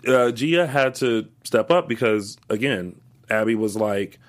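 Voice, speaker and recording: Male guest, low voice, casual and animated. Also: unhurried. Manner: animated, jumps into high voices when quoting. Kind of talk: casual review chat.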